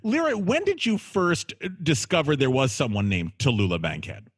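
A man hosts a conversational podcast interview. His mid-pitched voice is somewhat rough and very lively in melody, and he speaks effusively, repeating phrases for emphasis. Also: normal speed. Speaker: host.

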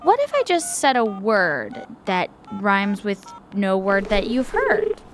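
A woman's voice: mid-range voice, huge pitch swings, slow pace, loud music behind the voice. An actress playing a hungover, anxious young woman who speaks in sardonic rhyming dialogue.

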